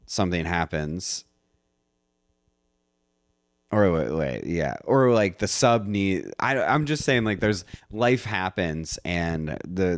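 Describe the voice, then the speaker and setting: A man with a very low voice hosting a loose, casual conversation. He rambles, restarts his thoughts and slips in playful teasing, and the recording sounds dry and close. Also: no echo. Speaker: podcast host. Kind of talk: casual chat.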